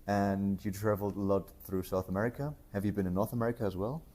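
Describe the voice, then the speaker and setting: A man's voice: fairly low pitch, fairly even intonation, quick pace, dark tone. A man hosting a podcast interview, asking questions and giving short encouraging responses. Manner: short encouraging backchannels, asks questions with some fillers. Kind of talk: casual conversational interview.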